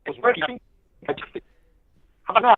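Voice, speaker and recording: A man calling on a prison phone line with choppy, garbled audio that sounds underwater, talking excitedly and swearing freely. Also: slow pace, dry recording. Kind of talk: casual phone chat mixing in Spanish. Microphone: prison phone handset.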